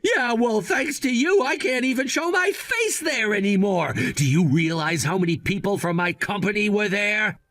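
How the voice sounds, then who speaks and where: A man's voice: high voice, big pitch swings, moderate pace, few pauses, a bit bright, heavily acted. A man playing a disgraced, self-pitying husband in a dramatized story, whiny, defensive and desperate. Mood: bitter, defensive.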